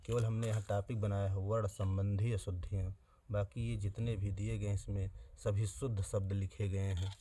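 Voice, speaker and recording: A man teaches an exam-prep spelling lesson and talks straight to his students. His voice is fairly low and dark. He says each word slowly, often more than once, to spell it out, over a faint steady background noise. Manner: plain direct address to students.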